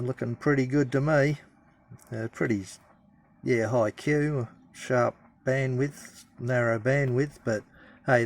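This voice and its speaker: A hobbyist radio presenter with a medium-pitched voice narrates a relaxed, hands-on hobby demonstration. His speech is halting, as though he's thinking out loud while he works.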